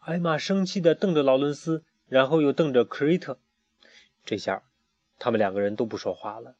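A man's voice: medium pitch, no echo. Man reading a children's story aloud. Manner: warm, drawn-out, with hesitation fillers. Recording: dull, muffled lo-fi recording.

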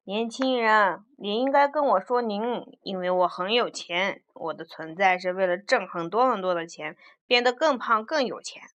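Mom doing a snooty coin purse bragging, storybook voice. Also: female voice, mid-range voice, lively intonation, normal speed, few pauses, a bit bright, lo-fi sound, lightly acted. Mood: haughty. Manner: haughty, boastful. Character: proud, rich coin purse, haughty.

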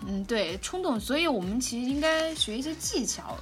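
A woman's voice: high voice, lively intonation, moderate pace, faint music behind. A young woman co-hosting a casual chat, handing out relationship advice in a conversational way. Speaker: co-host.

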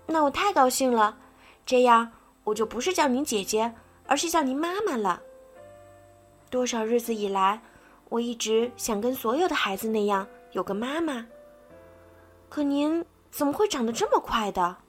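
A woman voicing a lively, naughty wooden puppet boy in a bedtime story, in an eager childlike way. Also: fairly high pitch, normal speed, long pauses, faint music behind.

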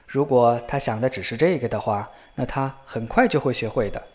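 A man's voice: medium pitch, fairly quick, natural voice. A man voicing a scheming middle-aged church sexton.

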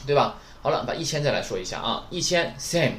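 Male language teacher, lively pitch, repetitive drilling delivery, faint background hiss. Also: a little fast. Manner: drills number words, constant "right?" check-ins. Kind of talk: recorded beginner lesson.

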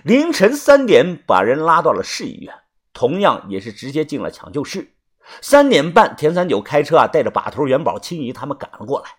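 A man's voice: on the high side, wildly swooping pitch, brisk, slightly rough. A man narrating a first-person story dramatically, stretching filler particles for effect.

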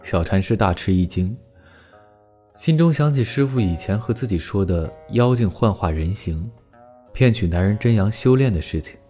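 A man narrating a ghost story with a measured, dramatic delivery. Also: on the low side, expressive, warm tone. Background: faint guitar music.

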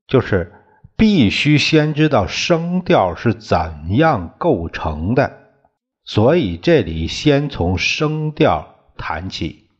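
A man teaching a class in a slow, deliberate way, often restating his terms. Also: fairly low pitch, slightly rough. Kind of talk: lecture on classical poetry tones. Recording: dull lo-fi recording.

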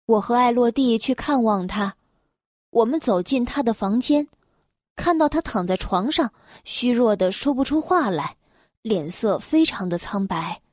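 A woman reading a children's story aloud in a clear, expressive storytelling manner. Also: a little high, no echo, clean studio sound.

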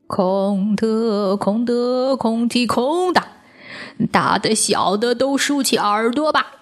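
A woman voicing a gentle, weary old grandfather storyteller with a slow, sighing delivery. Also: on the high side, soft background music. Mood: chanting.

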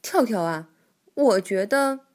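A woman voicing a cautious, sensible male rabbit in a children's storybook, calm and doubtful. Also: medium pitch, slow. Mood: reasoning. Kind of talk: storybook reading.

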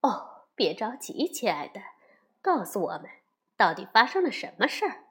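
A woman voicing a calm, gentle mother bear who speaks soothingly in a storybook reading. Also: medium pitch, moderate pace, close to an everyday voice. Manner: soothing, soft.

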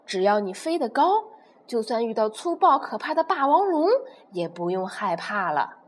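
A woman's voice: on the high side, big pitch swings, moderate pace. A woman doing a firm pterosaur father. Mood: instructing.

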